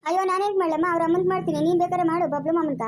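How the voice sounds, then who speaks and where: A woman's voice: very high voice, steady tone, very fast. A woman playing a fretful village grandmother who scolds and coaxes, speaking with a Chikkaballapur Kannada accent. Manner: anxious, scolding, coaxing. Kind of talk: village family drama.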